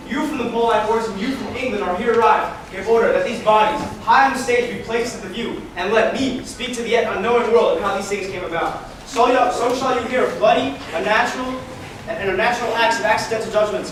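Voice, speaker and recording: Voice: mid-range voice, brisk, lightly acted. A student actor playing a prince's grieving loyal young friend, declaiming Shakespeare on an amateur stage. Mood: solemn, indignant. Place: school theater stage, recorded from audience. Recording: distant, echoey hall recording, clear noise.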